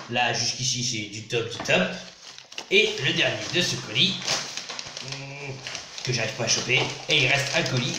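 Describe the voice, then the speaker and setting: A man's voice: medium pitch, pushed and bright, roomy sound. A man with a sore throat, enthusiastically unboxing films and reading their blurbs aloud in a casual vlog. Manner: enthusiastic, reads back-cover blurbs aloud. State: slightly sick with a sore throat. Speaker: YouTuber unboxing film DVDs. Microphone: phone.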